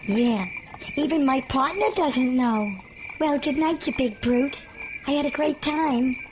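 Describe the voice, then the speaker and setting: Woman playing a high, cooing lounge flirt. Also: noisy background. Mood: gushing. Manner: coy, drawn-out cooing. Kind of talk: comic old-time radio parody. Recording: echoey room, music behind.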